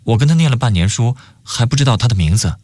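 A man's voice: medium pitch, expressive, quick pace, warm tone, no room sound, close to an everyday voice. A man reading a radio story, voicing a withdrawn young male student with a dry, mocking tone. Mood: sardonic.

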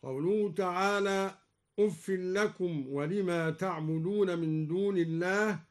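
A man who is a Quran scholar, explaining recitation variants on radio and chanting each example slowly and carefully. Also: sits high. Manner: explains, then chants slow measured examples.

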